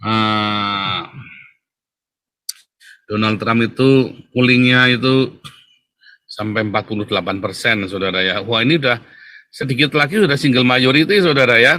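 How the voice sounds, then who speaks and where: A man hosts a laid-back monologue in a bright, forceful mid-range voice. He presses his points to the audience, repeats "saudara ya" constantly, and laughs along at his own jokes.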